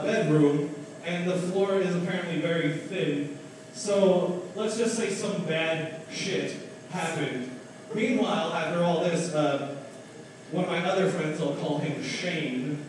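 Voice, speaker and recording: A man's voice: on the high side, noisy background. A young man doing a stand-up comedy set, hesitant, with lots of ums and uhs. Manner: hesitant, lots of ums, acts out drunk friends in loud voices. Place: small bar stage. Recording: echoey bar, far from the camera mic.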